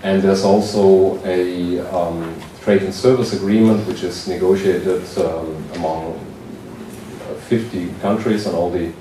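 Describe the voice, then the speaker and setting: A man with a German accent gives a keynote at a conference and talks haltingly, with frequent "uh"s. His voice sits very low. He is picked up from a distance in a strongly echoing hall with clear background noise. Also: fairly even intonation, warm tone. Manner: hesitant, many fillers. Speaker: keynote speaker, member of parliament.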